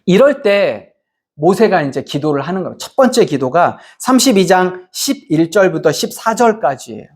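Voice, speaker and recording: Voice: mid-range voice, very animated, moderate pace, darkish tone. A preacher giving a sermon, reading scripture aloud and questioning the congregation. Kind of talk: sermon, Bible teaching.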